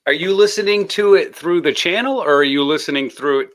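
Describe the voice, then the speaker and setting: Bright-voiced man hosting a live stream. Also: on the high side, brisk. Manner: joking, laughing, rambling. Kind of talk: casual live stream chat.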